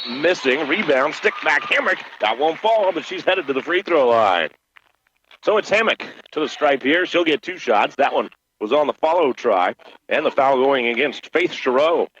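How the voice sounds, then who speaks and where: A man with a Midwestern American accent giving fast live play-by-play of a high school basketball game, with chatty asides and rising excitement on big plays. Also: muffled recording, a little hiss or hum. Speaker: play-by-play announcer.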